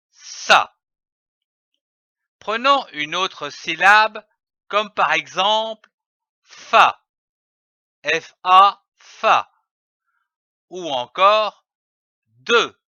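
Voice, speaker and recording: A man gives a phonics lesson at an extremely slow, deliberate pace, sounding out each letter and syllable with exaggerated care. His voice is bright and clear and rises and falls a lot. It is a dry, dull, lo-fi recording. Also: sits high, no echo. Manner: spells out letters and syllables with careful over-articulation. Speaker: reading teacher.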